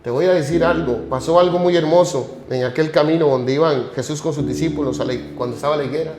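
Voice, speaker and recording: A man's voice: a little high, quick pace. Fervent man preaching over music. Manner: fervent, many rhetorical questions. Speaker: podcast host. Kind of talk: sermon-like commentary. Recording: echoey room with music behind.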